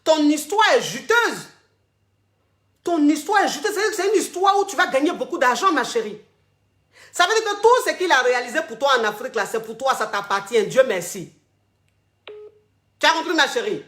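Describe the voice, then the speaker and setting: A woman's voice: high voice, big pitch swings, a little fast, long pauses, fairly bright tone. A woman hosting an advice call, coaching a caller in a dramatic, teasing way and repeating her phrases over and over. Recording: roomy echo.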